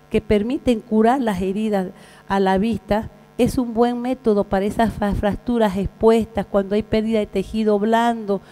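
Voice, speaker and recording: A woman's voice: medium pitch, mellow. Bolivian woman lecturing in a reverberant hall. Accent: Bolivian Spanish. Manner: halting, frequent fillers and restarts. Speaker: veterinary surgeon lecturer. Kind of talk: conference lecture. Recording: reverberant hall with mains hum.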